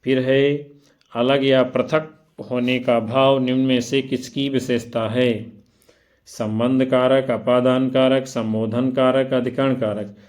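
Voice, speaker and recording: A man's voice: mid-range voice, little pitch movement, darkish tone. Male tutor with a mid-range voice for an exam prep lesson; reads the questions and options aloud, then explains each answer. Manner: spells out syllables slowly one by one. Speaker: teacher.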